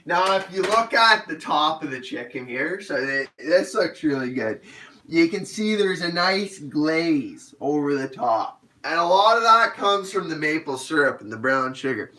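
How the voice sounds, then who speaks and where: A man's voice: on the high side, lively intonation, a little slow, sharp tone, rough recording. A man casually hosting a cooking stream, explaining each step as he goes in an easygoing, rambling way.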